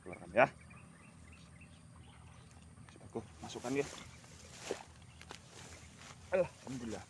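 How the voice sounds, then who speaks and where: A man's voice: medium pitch, big pitch swings, takes it slowly, vocal fry, pauses often, a little hiss or hum. A man, chatting casually as he fishes for eels outdoors and talks to his viewers. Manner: chatty, exclaiming often, addresses viewers as friends. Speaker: eel-fishing vlogger. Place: outdoors by a rural stream.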